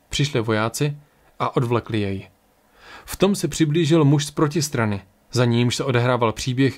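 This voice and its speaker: Man narrating an audiobook. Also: mid-range voice.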